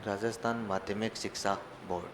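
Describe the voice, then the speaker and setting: Joking teacher, echoey room. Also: male voice, fairly low pitch, fairly even intonation, fairly quick. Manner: joking, mock-dramatic asides; asks questions and answers them himself. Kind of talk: online exam-prep class. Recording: echoey room with faint ambient noise.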